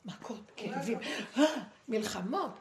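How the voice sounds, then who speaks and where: A woman giving a dramatic, preachy spiritual talk to a group, with pointed pauses. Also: medium pitch, lively intonation. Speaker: spiritual teacher. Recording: echoey room, faint noise.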